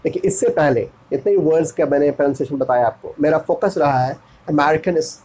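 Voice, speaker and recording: A man's voice: on the high side, fairly quick, warm tone, slightly rough, poor audio. A man from India teaching pronunciation, repeating each word and spelling it out letter by letter. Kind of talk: classroom pronunciation lesson.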